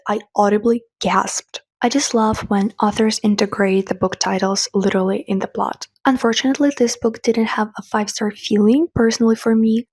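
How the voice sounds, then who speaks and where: A young book vlogger, speaking English as her third language, gushes chattily about books in a reading vlog and restarts often. Her voice is on the high side with a darkish, slightly rough tone, in a dry recording.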